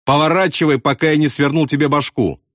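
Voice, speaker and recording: A man voicing a desperate, panicky male bombardier who yells in a strained, emphatic way. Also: a little high, very animated, no room sound, studio quality, pitched above the performer's own voice. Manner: strained yelling, slow and emphatic.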